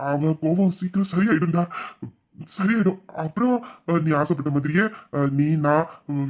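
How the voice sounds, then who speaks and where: Brief: man putting on a soft-spoken loving father in an audio drama, soothing, hesitant, reassuring. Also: high voice. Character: gentle, loving older father comforting his son.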